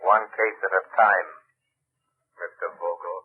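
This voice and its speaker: An actor playing an unseen, all-knowing avenger who taunts in a deliberate, theatrical way, in 1940s radio mystery style. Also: male voice, low-pitched, steady tone, breathy edge. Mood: eerie, mocking. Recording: thin telephone-like old radio recording.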